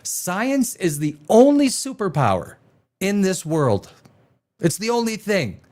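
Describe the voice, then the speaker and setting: Rambling from one tangent to the next on his solo livestream, a man from the Czech Republic stammers through restarts and swears. He speaks slowly, in a high, slightly mellow voice with huge pitch swings.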